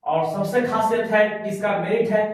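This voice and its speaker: A man's voice: high voice, unhurried. A male teacher giving a classroom lecture, asking himself questions, answering them, and glossing English terms in Hindi. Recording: very echoey room, voice far from the mic.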